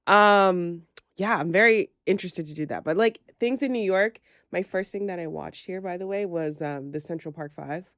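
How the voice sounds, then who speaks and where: Animated woman gossiping on a podcast. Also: on the low side, dry recording, clean studio sound. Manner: animated, slangy, quick asides. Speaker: podcast host. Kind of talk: casual gossip chat. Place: lives in New York.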